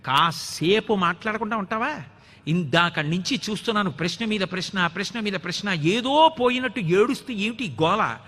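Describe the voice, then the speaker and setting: A man voicing a quick-witted little cowherd boy who answers back with cheeky, complaining retorts. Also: high voice, expressive, sharp tone, long reverb tail, heavily acted. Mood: cheeky annoyed.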